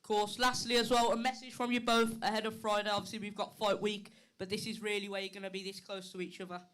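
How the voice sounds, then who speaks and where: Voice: mid-range voice, level tone, quick pace, fairly bright tone. A host putting questions to boxers at a live press conference, with noise behind the voice. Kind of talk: live event hosting, interview questions. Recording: clear background noise at live event.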